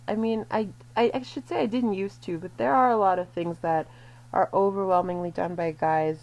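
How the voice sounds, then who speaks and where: A woman's voice: lowish voice, darkish tone. A woman chatting casually to camera, rambling and correcting herself as she goes. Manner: rambling, self-correcting, lots of fillers. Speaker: video creator. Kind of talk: casual commentary vlog.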